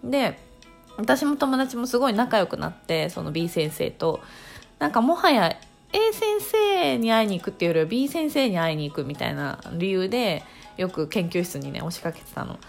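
An animated woman around thirty hosts a casual podcast, recounting a story at home. Her pitch swings up and down expressively as she talks, and laughs break in often. Soft music plays quietly underneath. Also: normal speed, gravelly. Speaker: podcast host.

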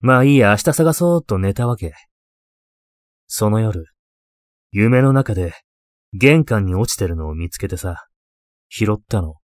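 A man voicing an eccentric, obsessive male occult enthusiast in a ghost story, terse, low-key and matter-of-fact. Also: animated, unhurried, pauses often, no echo, studio quality. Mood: wistful, matter-of-fact. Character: eccentric, obsessive male occult-loving mentor, deadpan and wistful.

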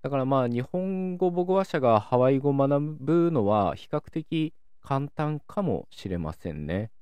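Calm man explaining language facts. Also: medium pitch, a little slow, clean tone, dry recording. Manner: calm, explanatory, lively intonation. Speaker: podcast host explaining linguistics. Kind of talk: calm solo educational talk.

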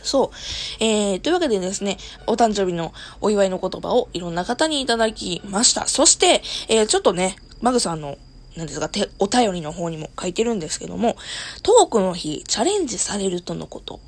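A woman with a Kansai accent and a hoarse, worn-out voice, chatting casually to listeners as a show host and often laughing. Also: mid-range voice, very animated, brisk. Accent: Kansai Japanese. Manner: laughs often while talking. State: hoarse, worn voice after long streaming. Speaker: host of an audio talk show and live streamer. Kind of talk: casual solo talk to listeners.

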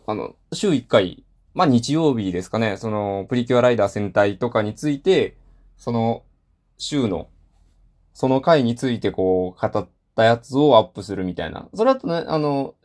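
A man's voice: medium pitch, a little mellow. A man hosting a casual solo talk show, rambling with many fillers and self-deprecating asides. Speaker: solo podcast host.

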